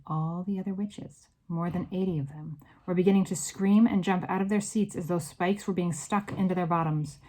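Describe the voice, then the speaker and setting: A woman reading a children's novel aloud in an expressive, varied storytelling manner. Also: on the low side, poor audio. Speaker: read-aloud narrator.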